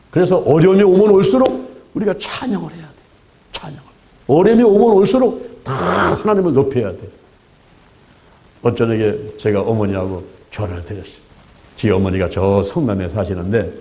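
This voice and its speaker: A man's voice: fairly low pitch, a little fast, dark tone. An older man preaching a sermon as a pastor, emphatic and repetitive, asking the congregation rhetorical questions. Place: church.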